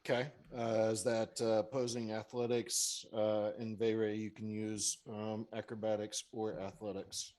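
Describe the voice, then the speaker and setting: A man running a tabletop game over a voice call, his voice sitting fairly low. He talks in a hesitant way, with plenty of fillers as he hands out turns and rulings. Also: level tone, measured pace, few pauses, darkish tone. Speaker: game master.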